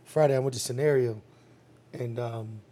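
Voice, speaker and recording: A man's voice: medium pitch, steady tone, moderate pace, dark tone. A young man co-hosting a casual podcast, teasing his friend in a rambling, joking way. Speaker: podcast co-host.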